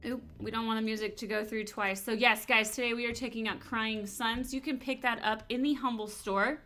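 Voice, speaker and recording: A woman's voice: fairly high pitch, fairly even intonation, brisk, bright, forceful tone. A woman hosting a casual game livestream, chatting and greeting viewers as she corrects herself. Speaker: livestream host.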